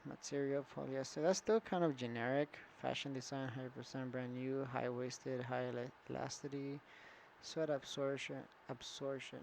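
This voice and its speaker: Flat-voiced man giving a casual tutorial. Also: medium pitch, normal speed, creaky, slight background noise, rough recording. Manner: casual, thinking aloud with fillers and restarts. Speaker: online store tutorial host. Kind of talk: screen-recorded tutorial. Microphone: computer setup with screen recorder and camera.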